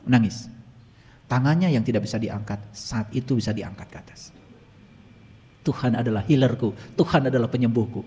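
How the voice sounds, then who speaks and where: A man giving a spiritual talk, telling stories with sudden loud exclamations and hushed asides. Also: mid-range voice, big-room sound. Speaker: spiritual teacher.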